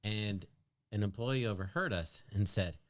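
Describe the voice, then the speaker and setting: A man's voice: lowish voice, a little slow. A man co-hosting a casual podcast chat, telling stories animatedly and swearing casually. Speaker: podcast co-host.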